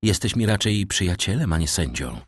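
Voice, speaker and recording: A man's voice: low voice, very animated, fairly quick, slightly rough, no echo, studio quality, exaggerated voice. A man voicing an earnest, pleading young sailor held for questioning in an audiobook. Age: young adult.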